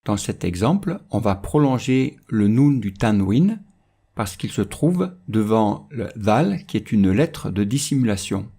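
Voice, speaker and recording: Slow, mellow-voiced man teaching. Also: on the low side, very animated, husky. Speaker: Quran recitation teacher. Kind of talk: instructional voice-over lesson.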